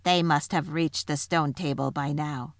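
A woman's voice: low voice, steady tone, measured pace, no echo, clean studio sound. A woman voicing an anxious, scheming male dwarf who wheedles his queen.

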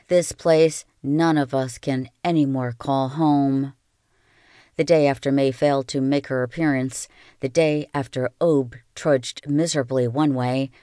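A reader narrating a novel aloud in a calm, even storytelling manner. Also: mid-range voice, clear, resonant tone, dry recording, clean studio sound. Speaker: audiobook reader.

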